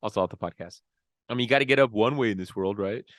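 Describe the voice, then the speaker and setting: A man's voice: on the low side, fast, a bit bright, dry recording, clean studio sound. A man co-hosting a podcast, chatting casually with playful exaggerated jokes. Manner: joking, laid-back, playful exaggeration. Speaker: podcast co-host. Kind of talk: casual chat.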